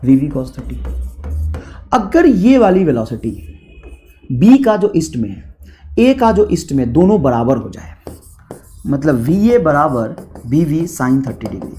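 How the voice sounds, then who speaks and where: A man teaching physics in a classroom lecture style, calling students "beta" and drawing out English question text slowly. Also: a little high, very animated, dark tone, a little hiss or hum.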